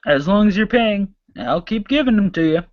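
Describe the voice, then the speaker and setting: Lively game master narrating a tabletop game. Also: medium pitch, lo-fi sound, noisy background. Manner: lively, halting narration with restarts and chuckles.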